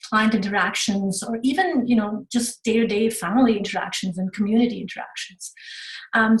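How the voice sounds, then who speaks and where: A woman's voice: mid-range voice, roomy sound, rough recording. A woman in her thirties from India, hosting a casual webinar from her home study in a chatty way with frequent ums. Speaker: webinar host, photographer.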